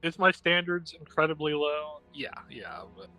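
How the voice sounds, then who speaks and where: Man, rambling, hedging explanations, casual voice chat, bright, slightly high. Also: moderate pace, faint music behind, rough recording. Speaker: raid group member.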